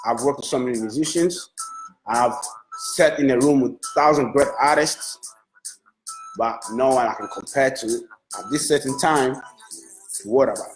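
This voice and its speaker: On a phone-recorded Facebook live, a music manager who grew up speaking Swahili enthuses about an artist, circling back and restarting his lines. His voice is medium-pitched and unhurried with long pauses, and the audio quality is low.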